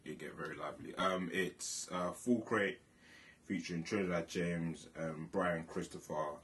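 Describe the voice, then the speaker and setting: A man hosting a podcast in casual chat, with hesitant pauses. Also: sits low, fairly even intonation, fairly bright tone. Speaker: podcast host. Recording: noticeable room noise.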